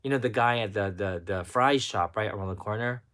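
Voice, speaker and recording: A man hosting a casual livestream, chatting excitably and reading out viewer comments as he goes. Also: fairly low pitch, fairly quick. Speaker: livestream host.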